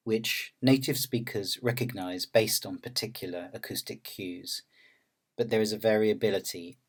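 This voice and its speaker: A man narrating an academic lecture in a measured, explanatory way. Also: lowish voice, husky.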